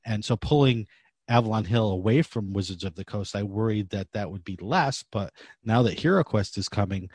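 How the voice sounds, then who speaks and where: A man's voice: fairly low pitch, moderate pace, a little mellow, husky, no room sound. A man hosting a podcast in casual conversational talk. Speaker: podcast host.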